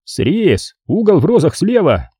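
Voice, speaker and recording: An impatient police desk sergeant snaps short, clipped phrases down the line, as a male reader puts him on. The voice sits high and jumps around, over a dark, husky tone in a dry close recording. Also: wildly swooping pitch, a little slow, no room sound, exaggerated voice. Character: gruff Brooklyn police desk sergeant, impatient, mangling words.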